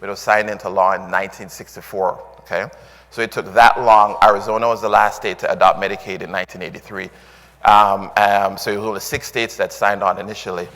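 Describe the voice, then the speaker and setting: A man with a Jamaican accent gives a conference talk in a low voice, stopping often with "um" and "uh" and restarting his sentences. The sound carries a long reverb from a large hall. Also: flat delivery, fairly quick, a bit bright. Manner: filler-heavy, restarts often, earnest. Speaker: conference speaker.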